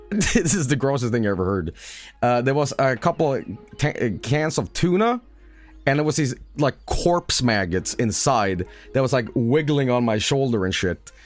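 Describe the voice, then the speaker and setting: A young man streaming a game, rambling profanely and breaking into sudden loud outbursts. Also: mid-range voice. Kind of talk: casual live-stream commentary.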